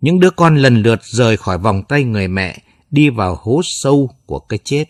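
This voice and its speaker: A man narrating a dramatic story in a steady, measured way. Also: mid-range voice, dry recording, studio quality.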